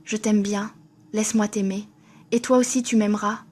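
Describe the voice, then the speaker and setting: A woman voicing a menacing older man in a dirty pink dress, rasping his lines in an animated horror story. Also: mid-range voice, normal speed, lightly acted. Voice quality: raspy. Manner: menacing, wheedling.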